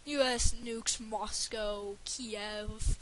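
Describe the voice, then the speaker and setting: A woman's voice: medium pitch, steady tone, extremely slow, a bit bright, low-quality recording. A woman giving casual gameplay commentary for a let's play, rambling and stumbling over her words with lots of fillers. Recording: faint hiss under the voice.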